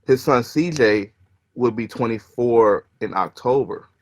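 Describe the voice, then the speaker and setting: A man's voice: medium pitch, a little slow, darkish tone. A man co-hosting a radio interview, speaking hesitantly with many fillers. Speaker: radio co-host.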